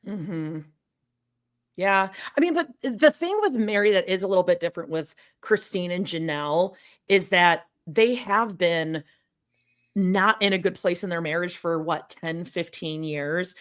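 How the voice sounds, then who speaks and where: A woman's voice: on the low side, animated, measured pace. Woman, podcast co-host, blunt, sarcastic, swears freely, casual snarky chat.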